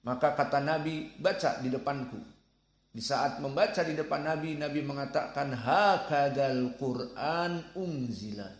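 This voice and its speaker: A man giving a religious lesson, speaking slowly and deliberately and sounding out Arabic syllables. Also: a little high, flat delivery, echoey room. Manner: slow, deliberate, demonstrates Arabic sounds aloud. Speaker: Quran recitation teacher.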